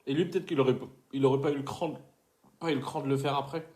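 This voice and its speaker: A man's voice: mid-range voice, fairly even intonation, quick pace, darkish tone. A man chatting casually and giving slangy, opinionated commentary as he reacts to a reality show. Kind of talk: casual chat.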